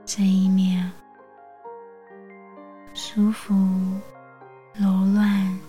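A woman narrating a guided bedtime relaxation like a sleep story narrator, in a soothing, hushed, breathy near-whisper with long pauses. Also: mid-range voice, flat delivery, faint music behind. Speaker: host of a bedtime relaxation show.

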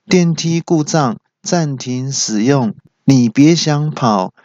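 A man voicing a bossy female elevator announcement voice, flat and mechanical. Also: mid-range voice, slow, no echo, highs cut off, pitched above the performer's own voice, lightly acted. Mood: stern.

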